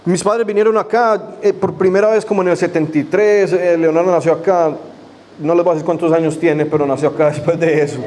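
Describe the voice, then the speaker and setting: A pastor with a slightly high, darkish voice talks a little fast with fairly even intonation. His sermon opens with a fervent prayer of repeated invocations and then turns to a loosely told personal testimony.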